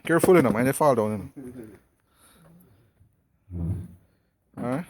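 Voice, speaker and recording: A man's voice: mid-range voice, big pitch swings, a little slow, noisy background. A man with a Jamaican accent conducting a casual, conversational interview, asking short questions.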